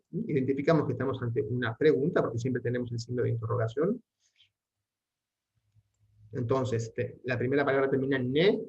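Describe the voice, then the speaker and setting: Man, Latin teacher, patient explanations, slow read-aloud sentences, slightly muffled lo-fi sound. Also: mid-range voice, gravelly, a little mellow. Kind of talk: online language lesson.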